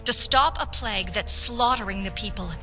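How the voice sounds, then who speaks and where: Voicing a fantasy game quest mod, a woman with a mid-range, sharp voice close to her everyday speech plays a sincere, patriotic young noblewoman officer. She delivers the scripted lines formally and persuasively at a moderate pace, with music in the background.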